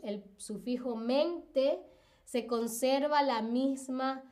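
Female teacher, high voice, unhurried delivery, patient live-stream lesson with lots of repetition. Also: darkish tone. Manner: patient, repeats examples and asks "¿ok?".

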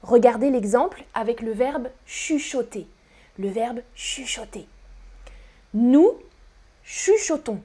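Slow, soft-voiced woman teaching grammar. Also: a little high, expressive. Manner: slow, deliberate teaching with repetition; whispers on purpose as a demonstration. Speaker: French teacher. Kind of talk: live-streamed grammar lesson.

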